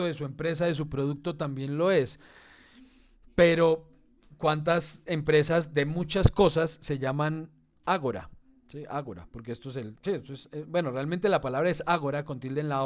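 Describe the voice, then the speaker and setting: A man teaching a class. His voice sits a little higher than most men's, and he talks in a patient, explanatory way. He often checks in with his students as he goes. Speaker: instructor. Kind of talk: online class lecture.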